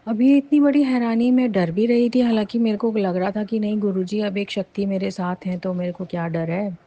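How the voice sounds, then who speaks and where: A woman recounting a personal testimony in a casual, animated way, with many fillers and restarts. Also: medium pitch, a little fast, dull audio. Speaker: devotee sharing a testimony. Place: lives near Jaipur.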